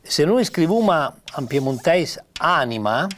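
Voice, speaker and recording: An older man with a Piedmontese accent giving an informal spoken lesson on spelling, halting with many pauses and fillers. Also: fairly high pitch, big pitch swings, a little hiss or hum. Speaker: writer teaching Piedmontese spelling.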